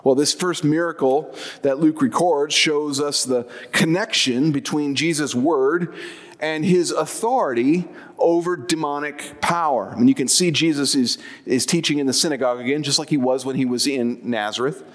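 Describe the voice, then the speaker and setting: Conversational preacher in a reverberant hall. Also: male voice, fairly high pitch, normal speed. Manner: conversational, explanatory preaching with asides. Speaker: pastor. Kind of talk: sermon.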